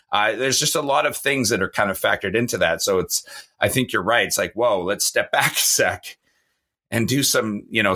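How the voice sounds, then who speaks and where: A man's voice: lowish voice, pushed and bright, husky. A man, the show's host, chatting casually, telling anecdotes and asking playful rhetorical questions. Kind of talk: casual chat.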